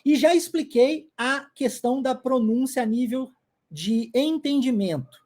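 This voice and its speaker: Speaking with a Brazilian Portuguese accent, this English teacher and language school founder, a man in his forties, repeats English phrases over and over in an emphatic video lesson. His very high voice is animated and a little mellow, and his pace is a little slow.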